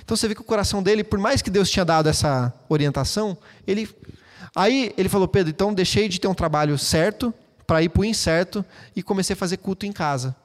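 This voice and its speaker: A man preaches in a high, bright-sounding voice, talking to his congregation in a lively, chatty way full of playful asides. His words ring out with the long reverb of a church hall. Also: quick pace. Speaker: pastor. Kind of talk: sermon.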